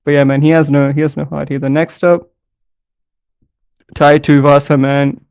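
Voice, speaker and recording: A man's voice: fairly high pitch, flat delivery, moderate pace, gravelly, darkish tone, no echo. A man commentating casually on mixed martial arts, rambling and loose, with lots of slang fillers. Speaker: MMA commentator.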